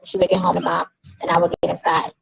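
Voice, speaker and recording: A grieving sister in her forties talks fast in a lowish, gravelly voice with a completely flat delivery. She gives an impassioned protest speech at a rainy outdoor rally, emotional and at times angrily accusing. It is a dull lo-fi recording.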